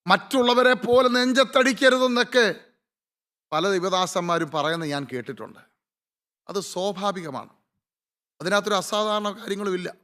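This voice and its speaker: A man preaching a sermon as a pastor, dramatic, with slow drawn-out emphasis and frequent interjections of praise. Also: sits high, sharp tone.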